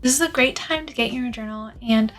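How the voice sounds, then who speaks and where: Speaking fast in a slightly high, somewhat bright voice, a woman YouTuber reads out scripted personal development tips. Her style is earnest and articulate, typical of productivity channels, with stress on key words.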